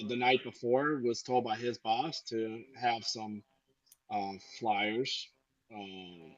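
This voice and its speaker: A man's voice: mid-range voice, no room sound, highs cut off. A man co-hosting a casual talk radio show, telling a long story with many restarts and filler sounds. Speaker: podcast co-host.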